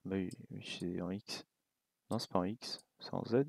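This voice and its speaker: A young man with a French accent giving a relaxed, casual coding tutorial at his computer, thinking aloud with many fillers and asides. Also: deep voice, moderate pace, creaky, no echo, clean studio sound. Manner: relaxed, talks while clicking, many fillers and little asides. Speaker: game development tutor.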